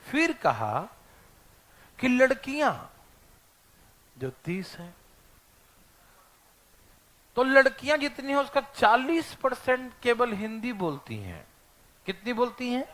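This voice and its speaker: A man's voice: sits high, a bit bright. A male math teacher lecturing a classroom, teasing his students and checking in with them constantly.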